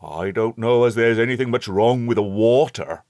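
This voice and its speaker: A man's voice: medium pitch, moderate pace, a little mellow, no room sound, studio quality, voice pushed up, close to an everyday voice. A man voicing a grave, superstitious old shepherd who talks in a broad rustic dialect. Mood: amused. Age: older. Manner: broad country dialect, ungrammatical rustic speech.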